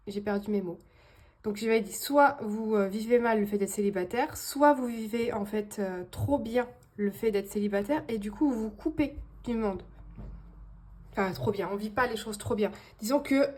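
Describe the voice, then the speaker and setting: A woman's voice: medium pitch, a little mellow. A woman giving a casual tarot reading to her viewers, hesitant, with many fillers and restarts. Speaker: tarot card reader.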